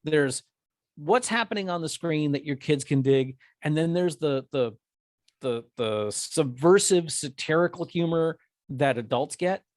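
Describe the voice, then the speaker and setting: Animated man chatting about movies. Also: on the high side, a little slow, no echo. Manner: rambling, restarts, animated. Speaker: podcast co-host. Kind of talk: casual chat about movies.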